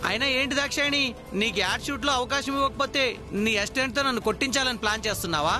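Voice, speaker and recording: An arrogant ad director hurls threats in a very high, fast voice. A clear music underscore runs beneath him. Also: male voice. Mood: contemptuous. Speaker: ad film director. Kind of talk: TV serial acting.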